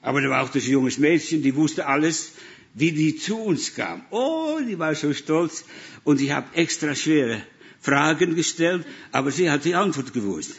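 A Dutch man with a Dutch accent preaches in German, telling missionary stories and acting out the dialogue in a sermon built around anecdotes. His fairly high voice is expressive at a normal speed, though the audio is dull.

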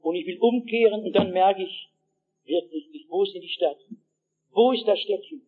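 A man with a high voice preaches to a gathered audience. He tells his stories with drama, drops to near hushed tones, then rises to loud calls, and keeps turning to the listeners with direct asides. The sound is dull and lo-fi, like an old archive tape. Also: moderate pace, breathy edge. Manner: dramatic storyteller, swings from hushed to shouting. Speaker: pastor. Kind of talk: evangelistic sermon with personal anecdotes.

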